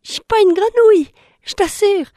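A woman voicing a small frog who says she is a bewitched princess, in a shrill, pleading, nagging voice. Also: normal speed, mellow, dry recording, studio quality. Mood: coaxing. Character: pushy little frog claiming to be princess.

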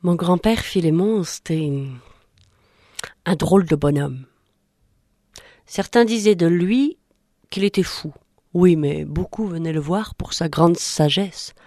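A woman's voice: lowish voice, slow pace, pauses often, darkish tone, no echo, studio quality. A woman telling a children's story, drawn out and dramatic, dipping into whispers.

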